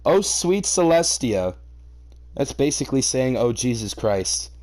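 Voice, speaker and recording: A man reads a fan fiction aloud for comedic effect, narrating at a measured pace in a mid-range, slightly mellow voice. He keeps breaking off into very animated, mocking, sweary commentary, theatrically exasperated.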